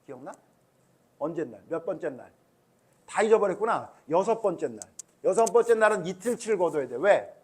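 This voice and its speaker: A man with a high voice preaches a Sunday school sermon to children. He tells the story in an animated way and keeps quizzing the kids as he goes. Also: fairly quick, breathy edge. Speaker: pastor.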